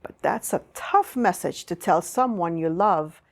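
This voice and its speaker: A woman presenting a Bible story lesson to children like a kids show host, asking them questions with deliberate, teacherly phrasing. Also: fairly low pitch, animated, creaky.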